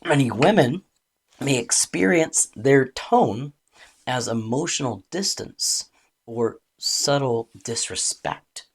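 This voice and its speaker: Woman, relationship coach, unhurried, lively intonation, calm explaining. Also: very deep voice, breathy edge. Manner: calm, deliberate explaining with expressive emphasis. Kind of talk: measured educational talk.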